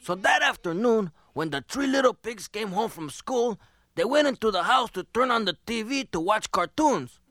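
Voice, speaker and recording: A male comedian telling a rambling, deadpan parody of a fairy tale. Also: high-pitched, moderate pace, no room sound, clean studio sound. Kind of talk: comic storytelling routine.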